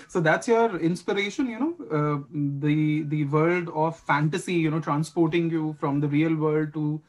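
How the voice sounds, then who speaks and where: A man's voice: a little high, steady tone, unhurried, rough recording. A man hosting a podcast interview who asks questions hesitantly, with many fillers and restarts. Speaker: podcast host.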